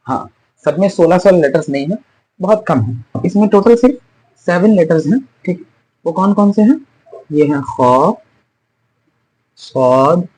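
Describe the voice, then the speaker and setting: Husky-voiced man teaching a lesson. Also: a little high, a little mellow, rough recording. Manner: patient, repeats and drills letter sounds, asks and answers own questions. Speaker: Tajweed teacher. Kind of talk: online lesson, explaining and demonstrating letters.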